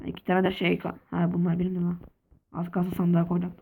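A woman commenting on her block-building game role-play, excitable, with playful swearing and constant calls to her viewers. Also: on the low side, quick pace, gravelly, phone-quality sound, slight background noise. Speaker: gaming video creator.

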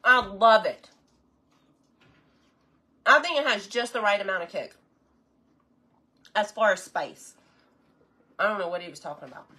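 A woman's voice: medium pitch, measured pace, pauses often, pushed and bright. A woman, chatting casually on a live cooking stream while eating, enthusiastic and sometimes talking with her mouth full.

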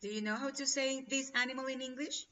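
A woman's voice: sits high, fairly even intonation, fast talker, a bit bright. Spanish-speaking woman teaching English online. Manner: encouraging, switches between Spanish and English, checks in with "ok?". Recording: dull lo-fi video call audio, distant from mic.

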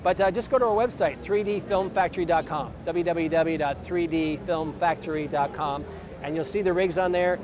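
A man's voice: on the high side, moderate pace. A man in his forties casually explaining camera gear at an outdoor trade show booth, speaking into a lapel mic with plenty of fillers. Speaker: company president and filmmaker. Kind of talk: trade show equipment demo. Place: outdoor expo booth under an umbrella. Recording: outdoor crowd noise. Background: crowd chatter.

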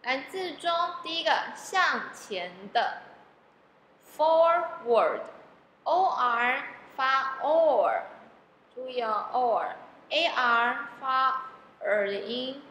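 A woman's voice: high-pitched, expressive, takes it slowly, bright, forceful tone, a little hiss or hum. A woman teaching English phonics, patiently spelling out letters and repeating each word several times. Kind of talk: phonics lesson, spelling out words. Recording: echoey room with long reverb, faint ambience.

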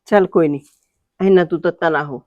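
An actress playing a calm village mother with a Punjabi accent, soothing her angry son. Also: fairly quick, no room sound, highs cut off, lightly acted. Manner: soothing, low-key reassuring. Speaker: mother of the hero.

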